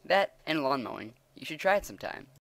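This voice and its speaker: A man's voice: a little high, very animated, quick pace, fairly bright tone. Man voicing a bossy nerdy gamer kid. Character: nerdy young male gamer holed up in a bunker.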